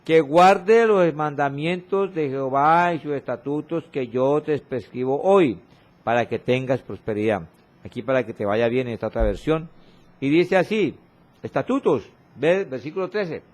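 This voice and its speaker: Man preaching a sermon. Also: animated. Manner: reads scripture slowly, then drops to soft low emphasis; repetitive, exhorting refrains. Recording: radio broadcast of a church sermon.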